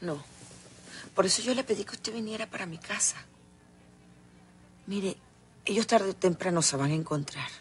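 A woman's voice: medium pitch, moderate pace, pauses often, a little hiss or hum, natural voice. An actress playing a woman pastor who is bitter and indignant toward a man, in a telenovela. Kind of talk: telenovela acting.

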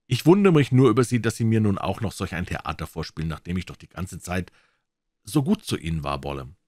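A man's voice: low voice, sing-song, fairly quick, darkish tone, no echo. A man doing a curt, weary prison guard. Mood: stern. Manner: curt, scolding.

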